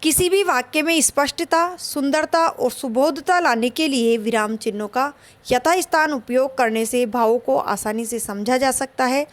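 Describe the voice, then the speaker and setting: A woman teaching a Hindi grammar lesson for an exam, slow and explanatory, repeating her points. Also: high-pitched.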